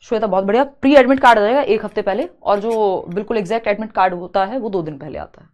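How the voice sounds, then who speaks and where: A woman's voice: mid-range voice, quick pace, darkish tone. A woman teaching an exam-prep lesson in a live online class, explaining step by step, mixing in English terms and reading out viewer comments.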